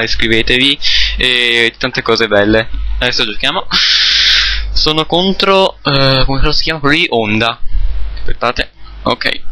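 A man's voice: medium pitch, bright, forceful tone. A man giving casual, rambling gameplay commentary, often correcting himself, recorded on a cheap computer microphone. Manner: rambling, self-correcting, halting. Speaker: gamer recording a let's play. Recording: cheap mic, faint noise, clicks.

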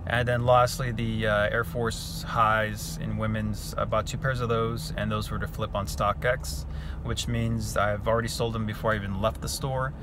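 Easygoing low-voiced man vlogging. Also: little pitch movement, normal speed, background noise. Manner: easygoing, chatty, many "go ahead" and "uh" fillers. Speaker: sneaker reseller vlogger. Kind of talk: casual vlog narration. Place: parked car and retail stores. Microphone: phone held at arm's length.

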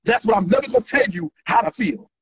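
Holding his phone at arm's length in an indoor room, a man rants angrily and profanely at his followers in a selfie video, gesturing wildly and repeating himself. His voice sits high, expressive, quick and slightly rough. The phone audio is dull and lo-fi.

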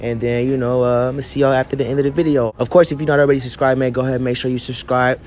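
A man's voice: mid-range voice, flat delivery, racing, a little mellow, slight background noise. A young man hosting street interviews in a shopping mall, talking casually in slang into a phone. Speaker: host. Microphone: phone held to mouth.

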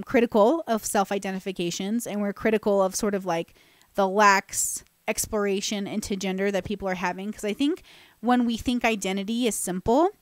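A woman's voice: medium pitch, no echo. A young woman from California hosting a podcast, telling a personal story in a chatty, self-deprecating way with frequent restarts and fillers, close to a studio microphone. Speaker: podcast host. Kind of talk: casual storytelling monologue. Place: bright room with plants. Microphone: boom-mounted studio mic close to mouth.

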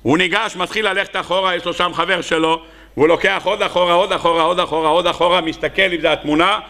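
A rabbi with an Israeli accent preaches a sermon in Hebrew, telling parables and acting out their characters with sudden high cries. His voice is bright, steady, and forceful.

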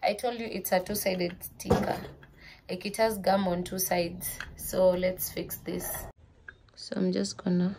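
A woman's voice: on the low side, little pitch movement, unhurried, background noise. A young woman vlogging casually at home and on her way back, chatting to the camera in a confiding way. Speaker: vlogger and mother. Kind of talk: casual vlog chat. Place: at home, later walking outdoors.

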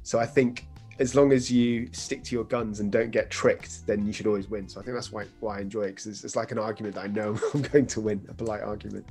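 A man's voice: on the low side, steady tone, quick pace, a little mellow, faint music behind. A man in his thirties with a British accent, explaining things in a casual interview conversation. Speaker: forensic psychiatrist in conversation. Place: indoor room on a video call.

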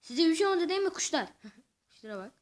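A high-pitched woman narrating her own gameplay for viewers in a lively, excitable way. She talks straight to the audience, then drops into muttered and whispered asides to herself between bursts of chatter. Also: fast. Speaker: gaming channel host. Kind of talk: let's-play commentary.

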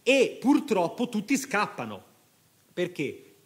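A man's voice: high voice, huge pitch swings, takes it slowly. A man lecturing to an audience, reading passages aloud and commenting with impassioned, rhetorical asides.

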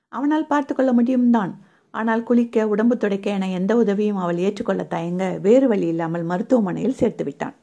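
Husky, gravelly woman narrating a novel. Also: mid-range voice. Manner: steady storytelling. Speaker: audiobook narrator.

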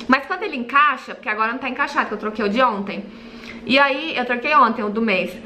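A talkative woman speaking through clear dental aligners, which give her words a slight lisp. Her voice sits a little high and sounds bright. She rambles with restarts and asides, and a faint hiss of room ambience runs under her. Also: fast talker. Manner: chatty, many restarts and fillers, addresses viewers as "gente". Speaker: vlogger. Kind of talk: casual vlog explaining her treatment.

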